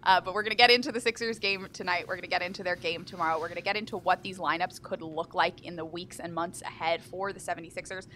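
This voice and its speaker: A woman's voice: lowish voice, steady tone, fast, hardly any pauses, sharp tone, slight background noise. A woman from Houston hosting a live basketball talk show, speaking with enthusiastic emphasis. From Houston, Texas. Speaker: sports show host.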